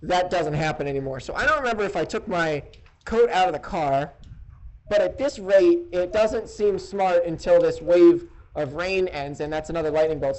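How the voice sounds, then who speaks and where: A man's voice: high-pitched, darkish tone, low-quality recording. A man giving informal, rambling rain updates as a sports broadcaster, outdoors on a handheld dictaphone-style voice recorder. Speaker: high school baseball broadcaster. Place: outdoors by a door in a rainstorm. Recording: handheld voice recorder with clear noise.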